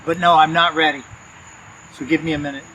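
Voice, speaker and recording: Hushed, coaxing man in a cemetery. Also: a little high, little pitch movement, fairly quick, a little hiss or hum, rough recording. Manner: hushed, coaxing, talks to spirits. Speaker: paranormal investigator host. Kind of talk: casual vlog narration. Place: cemetery outdoors at night.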